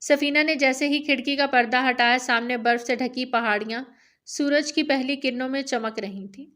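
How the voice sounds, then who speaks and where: A female narrator reads a romance novel aloud in a noticeably high voice, keeping a steady, even storytelling pace from line to line.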